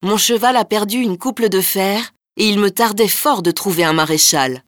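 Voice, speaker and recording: A woman's voice: medium pitch, moderate pace, no echo, studio quality, lightly acted. Woman doing a courteous noble horseman.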